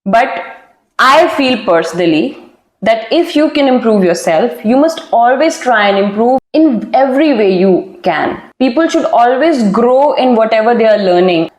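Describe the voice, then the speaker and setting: Slow, careful woman teaching pronunciation. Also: a little high, darkish tone, roomy sound. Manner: switches between slow careful English and quick Hindi explanation; drills tongue twisters slowly and repeatedly. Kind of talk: pronunciation lesson mixing Hindi and English.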